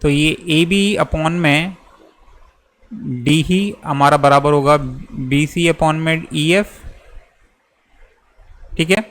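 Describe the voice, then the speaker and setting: Young male tutor, patient step-by-step explainer, slightly raised pitch. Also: drawn-out words, pauses often, a bit bright. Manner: patient, repeats and checks with "theek hai". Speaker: maths teacher. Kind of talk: explaining a geometry proof step by step.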